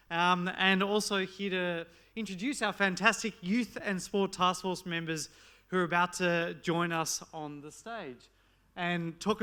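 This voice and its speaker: Bright, high-voiced enthusiastic man on stage. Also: smooth. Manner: enthusiastic, energetic, gets the crowd to respond. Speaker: event speaker introducing a youth panel. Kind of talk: upbeat stage address to a young audience. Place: large hall at a festival, on stage.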